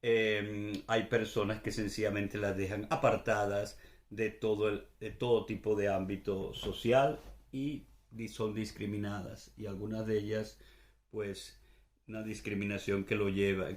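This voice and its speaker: A Venezuelan man speaks in a slow, unhurried monologue, rambling and pausing often to think aloud. His accent is Venezuelan Caribbean Spanish, and the room around him has a noticeable echo. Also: lowish voice, little pitch movement. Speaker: Spanish language podcast host. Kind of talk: relaxed spoken monologue.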